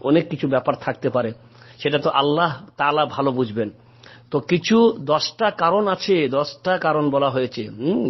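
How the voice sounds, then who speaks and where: A man's voice: a little high, breathy edge, muffled recording. A man answering a religious question as a scholar, explaining carefully and growing emphatic as he retells a story. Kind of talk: religious Q&A lecture.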